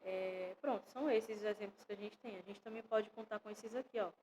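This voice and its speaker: Brazilian woman, online teacher, patient step-by-step explainer, mid-pitched voice, faint noise behind. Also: fairly even intonation, brisk, darkish tone, low-quality recording. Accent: Brazilian Portuguese. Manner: explains step by step, often checks in with "né?" and "tá vendo?". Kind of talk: online grammar lesson for children.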